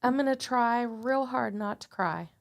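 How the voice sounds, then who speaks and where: A middle-aged woman guest sharing memories of her mother in casual chat, warm and quick to laugh. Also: fairly high pitch, gravelly.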